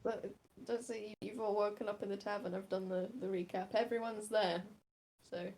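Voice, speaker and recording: A woman's voice: medium pitch, steady tone, normal speed, darkish tone, a little hiss or hum. A woman, narrating a tabletop game as game master in a laid-back way. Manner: laid-back, laughs easily.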